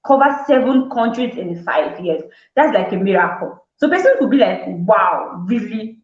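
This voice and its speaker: A woman talk-show host with a very animated, mid-range voice explains her topic casually and chattily at a moderate pace, often restarting words and slipping into the amazed reactions of imagined listeners. The recording sounds roomy and slightly dull, as though made on modest equipment in an echoing space.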